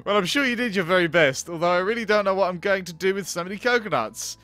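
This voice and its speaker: A man's voice: high voice, fast talker, pushed and bright, no echo, faint music behind. Snooty Booty, a man doing a haughty posh cat lady. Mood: condescending. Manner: prim, condescending, overly formal.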